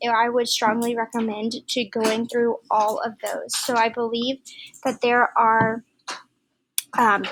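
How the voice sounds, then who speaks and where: A woman teacher giving a recorded grammar lesson, explaining patiently with soft asides and fillers. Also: fairly high pitch, a little hiss or hum, poor audio.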